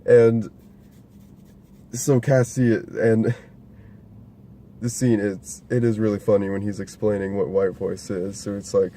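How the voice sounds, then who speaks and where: Mellow-voiced rambling guy, casual chat. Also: fairly low pitch, flat delivery, unhurried, pauses often. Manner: rambling, laughs often, swears casually. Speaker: podcast co-host reviewing a movie. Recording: faint background noise.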